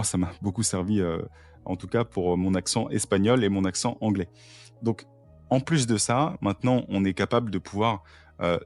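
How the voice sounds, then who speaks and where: A man's voice: lowish voice, darkish tone. A man talking in a casual podcast conversation, eagerly explaining with frequent fillers and restarts. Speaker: podcast guest, AI trainer.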